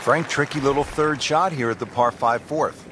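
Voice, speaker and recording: A man's voice: mid-range voice, normal speed. A man giving live golf commentary as lead announcer, in short, punchy phrases addressed to a co-commentator. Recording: loud outdoor crowd and ambient noise.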